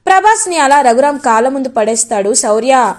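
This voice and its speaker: A woman's voice: high voice, a little fast. A woman casually retelling a TV serial episode, switching into the characters' lines as she goes. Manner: animated, jumps into voicing each character's lines. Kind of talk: casual storytelling recap with acted dialogue.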